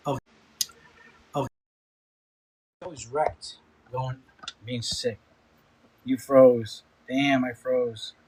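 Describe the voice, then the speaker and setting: In a mid-range, steady, darkish voice with a breathy edge, a man in his fifties speaks slowly with long pauses, livestreaming by phone from his Chicago home. The food content creator rambles, repeats himself and swears reading comments, and the recording is rough.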